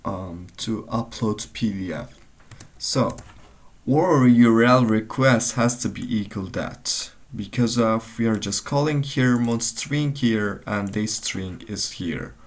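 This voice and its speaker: A man talks slowly through a coding walkthrough, thinking aloud as he goes. His voice has a gravelly edge and he often stops to search for words or trails off mid-sentence. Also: lowish voice. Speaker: tutorial maker.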